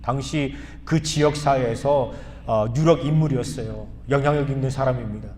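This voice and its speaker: A man preaching a sermon as pastor, earnest and repeating phrases for emphasis, often rising to loud pleading. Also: mid-range voice, normal speed. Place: church sanctuary. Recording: hall reverb.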